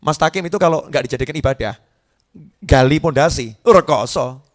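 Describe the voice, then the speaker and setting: A man's voice: on the high side, moderate pace. A middle-aged male preacher, giving a joking, conversational sermon to a live audience.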